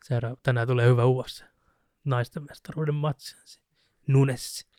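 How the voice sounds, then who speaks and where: Chatty guy retelling a fight story, smooth dry voice, gets worked up. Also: mid-range voice, dry recording. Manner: animated storyteller, mimics shouting with laughs. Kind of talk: casual chat about fighting sports.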